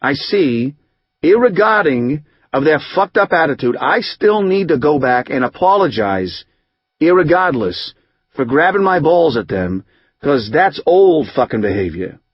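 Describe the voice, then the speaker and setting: A man's voice: on the high side, big pitch swings, unhurried, slightly rough, dry recording, muffled recording, exaggerated voice. A man doing a bitter, foul-mouthed hothead. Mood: aggrieved. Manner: rambling, profane, street slang. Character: rough profane man, bitter, hot-tempered, recovering drinker. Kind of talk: audiobook narration.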